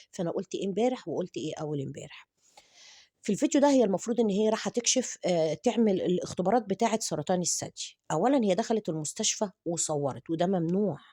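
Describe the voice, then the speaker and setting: A woman's voice: fairly low pitch, dark tone, no room sound, studio quality. A woman with an Egyptian accent gives mocking commentary and keeps taunting and insulting the person she talks about. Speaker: commentary vlogger.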